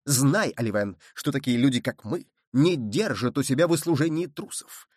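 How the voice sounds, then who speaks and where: A man voicing a shrewd, quick-witted musketeer who speaks in a brisk, commanding way. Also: medium pitch, expressive, darkish tone, no echo, studio quality, lightly acted. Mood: scolding.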